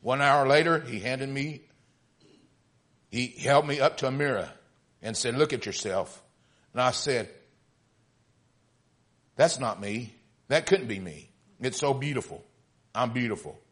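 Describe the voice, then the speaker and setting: A man's voice: medium pitch, expressive, a little slow, long pauses, fairly bright tone. A man voicing a suffering, pleading male teacup in a story he reads aloud during a sermon. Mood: amazed.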